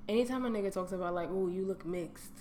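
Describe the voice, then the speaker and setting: A woman's voice: medium pitch, fast, crowd noise. A woman with a Brooklyn accent chatting casually and bluntly, with plenty of slang and swearing. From Brooklyn, New York. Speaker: podcast host. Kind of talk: casual candid chat. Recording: some background noise.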